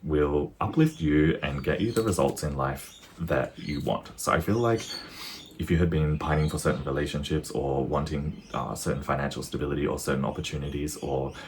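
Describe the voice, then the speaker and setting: A man's voice: a bass voice, moderate pace, a little hiss or hum. A man giving an intuitive tarot reading straight to the viewer, rambling and earnest, with many "like"s and "um"s and bursts of laughter. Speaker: tarot reader.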